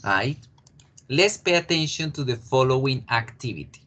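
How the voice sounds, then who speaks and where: A male English teacher giving a class, explaining patiently, repeating key words slowly and asking students questions. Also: mid-range voice, lively intonation, fairly bright tone, slight background noise.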